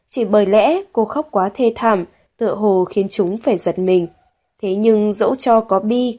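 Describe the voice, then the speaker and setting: A woman narrating a romance novel as an audiobook, in a steady, measured storytelling manner. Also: medium pitch.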